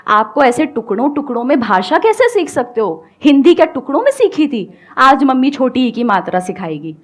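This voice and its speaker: A woman's voice: high voice, big pitch swings, normal speed. Emphatic woman with an Indian accent. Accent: Indian English. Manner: emphatic, mixes Hindi and English. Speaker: guest speaker. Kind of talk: motivational talk on a stage show.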